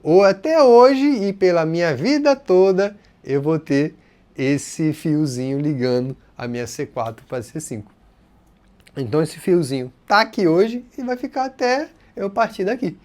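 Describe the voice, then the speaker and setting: On the high side and measured, the voice belongs to a Brazilian man from Rio de Janeiro who hosts a channel and talks with a carioca accent. He recounts a personal story in an easygoing, expressive way, performing other people's lines as quotes.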